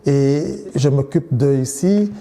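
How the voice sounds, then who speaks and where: A man in his thirties from Nigeria, a priest giving interview answers in a measured way, often restarting and repeating words. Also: medium pitch, warm tone, in a large hall.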